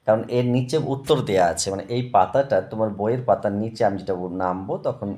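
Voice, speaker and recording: A man's voice: on the low side, fast, mellow. A man tutoring young pupils in English words, explaining patiently and checking they follow. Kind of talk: recorded English vocabulary lesson for young pupils.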